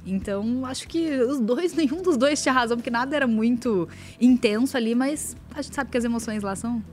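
A woman's voice: a little high, a little fast, a little mellow. A woman guest on a talk show, chatting enthusiastically and laughing often. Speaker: guest, former contestant. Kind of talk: casual talk-show chat.

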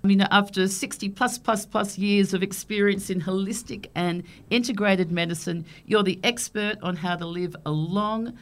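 A woman's voice: mid-range voice, normal speed, hardly any pauses. A woman around sixty, co-hosting a podcast and welcoming a guest with gushing enthusiasm. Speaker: podcast co-host. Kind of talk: casual chat.

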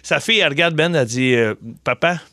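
A man with a Québécois accent, co-hosting a comic radio show, animated and laughing often as he tells jokes. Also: a little high, very fast, dry recording, clean studio sound. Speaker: radio co-host, joke teller. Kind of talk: comic radio banter and storytelling.

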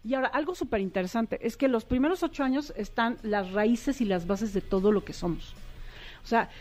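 Therapist guest, middle-aged woman, expressive, slightly high voice. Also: a little fast. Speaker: psychotherapist guest. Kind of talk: casual interview chat.

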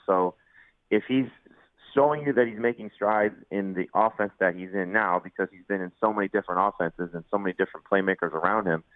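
Male fantasy sports analyst, low voice, casual delivery, thin telephone-quality sound. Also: dry recording. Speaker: fantasy football analyst, regular radio guest. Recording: phone-like narrow-band line.

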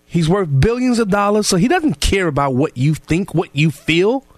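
A man's voice: high voice, expressive, moderate pace, no echo. A man hosting a political talk radio show in a casual, fired-up way, often repeating words as he builds a point.

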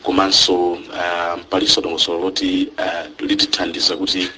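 A man with a Malawian accent giving an unscripted interview answer as an official, halting with many filled pauses. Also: deep voice, monotone, bright, forceful tone, poor audio.

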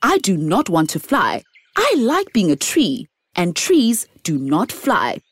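A woman's voice: mid-range voice, wildly swooping pitch, slow pace, breathy edge, dry recording, heavily acted. A woman voicing a cheerful, contented male oak tree in a storybook, sing-song and upbeat.

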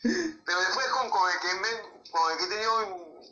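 A man with a Peruvian accent, a former footballer, telling lively anecdotes in an interview, with sound effects and laughter. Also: high-pitched, normal speed, reverberant, highs cut off, crowd noise. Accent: Peruvian Spanish. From Peru.

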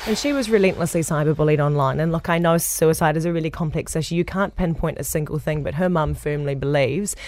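A woman's voice: low-pitched, fast talker, hardly any pauses, darkish tone. A woman with a New Zealand accent speaking emphatically in a conversational interview, repeating words for stress. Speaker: documentary maker being interviewed.

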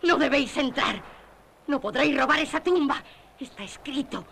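Creepy female curse-warner, horror film dub. Shrieking high, ominous, over clear noise. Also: animated, moderate pace, fairly bright tone, exaggerated voice. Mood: ominous, frantic. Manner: creepy, shrill, ominous warning like a tomb's watcher. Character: fierce Egyptian woman warning of a pharaoh's curse. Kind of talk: dubbed horror film acting. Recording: noisy old film soundtrack with clicks.

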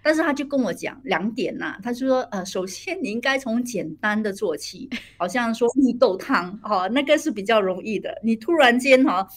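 A middle-aged woman, a guest telling lively anecdotes about her children with many hesitations and bits of English. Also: a little high, moderate pace, few pauses. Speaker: guest, theatre director and mother. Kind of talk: conversational storytelling interview.

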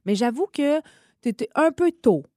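A woman in her thirties with a Quebec French accent, co-hosting a casual radio chat, lively and laughing often. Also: high voice, normal speed, dry recording, studio quality. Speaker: radio co-host.

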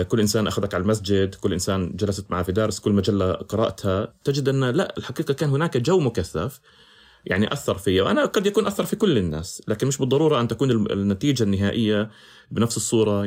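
A low-voiced man speaks very rapidly in a Palestinian Arabic accent from the villages around Jerusalem and Ramallah. He talks in a reflective interview style, blending village dialect with bookish formal phrasing. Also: animated, darkish tone. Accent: Palestinian Arabic, rural Jerusalem and Ramallah area. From Palestine, villages near Jerusalem and Ramallah. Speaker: podcast guest.

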